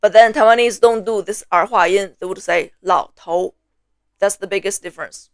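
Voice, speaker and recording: A woman's voice: medium pitch, a little fast. A woman with a Mandarin Chinese accent gives a patient, methodical lesson on her native language. She lists examples one after another and sounds out each tone. The sound is close and dry, with no room echo. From mainland China. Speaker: Mandarin teacher. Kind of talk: explanatory lesson to camera.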